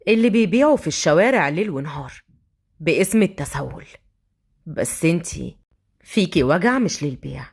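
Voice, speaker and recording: A woman doing a low, brooding Egyptian street thug. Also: expressive, brisk, creaky, long pauses, breathy edge, heavily acted.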